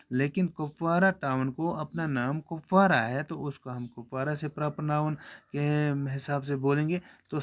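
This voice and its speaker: A male teacher takes schoolchildren through a grammar lesson. He talks patiently and repeats each point, keeping his voice at a middling pitch. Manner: patient, repetitive explaining. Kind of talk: classroom lesson for children.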